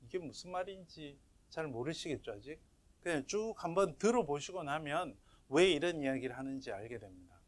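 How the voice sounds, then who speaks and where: A man's voice: a little high, lively intonation, a little fast. A middle-aged man teaching a grammar lecture online, patient and checking in with his listeners as he explains. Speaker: professor teaching Biblical Hebrew.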